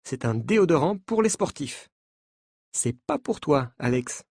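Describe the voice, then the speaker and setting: A lively young woman journalist, read by a male narrator who teases her partner and speaks her mind directly. The speech is slow and carefully paced, and the sound is close and dry. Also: fairly high pitch, slightly rough, no room sound, exaggerated voice. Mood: teasing. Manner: teasing, direct.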